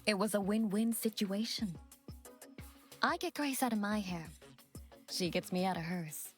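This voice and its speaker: A woman voicing a slow, dry, aloof student. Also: mid-range voice, faint music behind, close to an everyday voice. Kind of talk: game voice acting.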